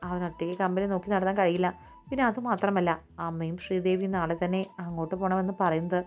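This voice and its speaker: A woman voicing a calm, respectful middle-aged son who speaks politely and reassuringly, with faint music behind. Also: on the low side, fast, natural voice.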